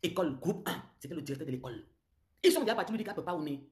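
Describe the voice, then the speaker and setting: A woman's voice: low-pitched, animated, racing, darkish tone. A woman with a Cameroonian French accent, hosting a heated live-stream rant, accusing and taunting someone in a confrontational way. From southern Cameroon.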